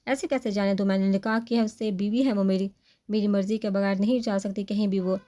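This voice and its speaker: A woman's voice: medium pitch, fairly even intonation, dark tone, close to an everyday voice. A woman voicing a possessive, impatient young husband in a storybook reading, in a demanding tone. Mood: insistent. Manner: insistent, demanding.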